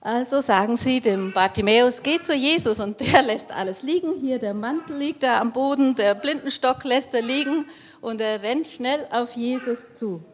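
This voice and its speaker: Brief: female storyteller for kids, lively and explanatory, slightly high voice, asks the children questions. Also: moderate pace, a little hiss or hum.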